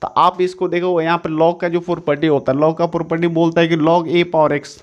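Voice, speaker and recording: A man's voice: fairly high pitch, level tone, fairly quick, lo-fi sound. A man teaching an exam-prep maths lesson, repeating each step several times and correcting himself as he goes. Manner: self-correcting, says sorry mid-explanation.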